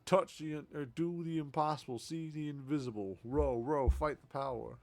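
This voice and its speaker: A man's voice: fairly high pitch, normal speed, darkish tone, pitched above the performer's own voice, close to an everyday voice. A man voicing a boisterous, adventurous ship captain in a video game, delivered in a hearty, rousing way.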